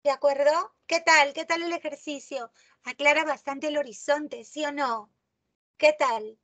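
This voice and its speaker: A woman teaching a live online grammar class. She often checks in with her students and stresses key terms slowly. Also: high voice, fairly even intonation, a bit bright. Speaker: language teacher.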